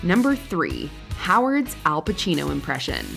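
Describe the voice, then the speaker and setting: A woman's voice: deep voice, huge pitch swings, moderate pace, creaky, a loud crowd. A woman reading scripted narration for a countdown list. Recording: music behind the voice. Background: background music.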